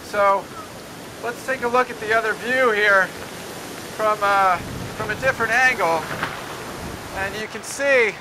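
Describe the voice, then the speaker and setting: A man's voice: sits high, unhurried, long pauses. A man giving a loose, ad-libbed live weather report from outdoors on a city street. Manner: loose, rambling, ad-libbed delivery. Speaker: amateur storm reporter. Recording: windy outdoor mic noise. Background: gusting wind.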